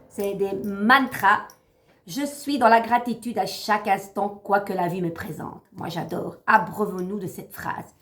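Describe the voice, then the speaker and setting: Tarot reader, a woman, fairly high voice, theatrical and chatty with viewers. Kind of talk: live stream card reading.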